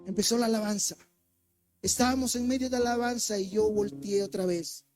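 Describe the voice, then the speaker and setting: This co-pastor, a man with a Mexican Spanish accent, preaches in church while telling a personal story, swinging animatedly between loud and hushed speech and acting out the voices. His voice sits high and moves a little fast, with soft music playing in the background.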